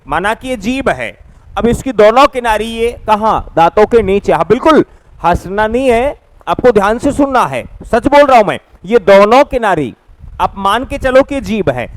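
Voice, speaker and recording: A man teaching a grammar lesson, asking rhetorical questions and answering them himself, and drawing out vowel sounds to demonstrate them. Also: high voice. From Rajasthan, India. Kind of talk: classroom lecture.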